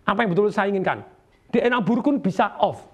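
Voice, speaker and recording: A middle-aged man giving an energetic motivational seminar talk to a live studio audience, asking questions and waiting for replies. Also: high voice, fast talker. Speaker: motivational speaker.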